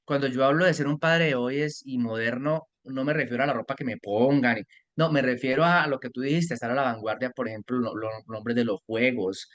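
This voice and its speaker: A Colombian man in his forties chats freely on a podcast, his voice sitting at an ordinary middle pitch. He talks at length as a parenting mentor, with lively storytelling and frequent restarts. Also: fairly quick, few pauses, muffled recording. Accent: Colombian Spanish. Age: 40s. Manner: talkative, animated storytelling with restarts. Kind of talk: casual podcast conversation.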